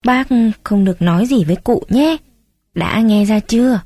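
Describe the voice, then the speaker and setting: A woman's voice: medium pitch, expressive, moderate pace, dark tone, dry recording. A woman voicing an older male village chief who grumbles and scolds in a blustering way. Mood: exasperated.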